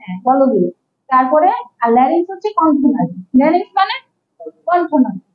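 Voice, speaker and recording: A woman's voice: sits high, sing-song, fairly quick, lo-fi sound. A young woman with a Bangladeshi Bengali accent giving a classroom lecture as a medical instructor, who explains patiently, asks questions and repeats key terms.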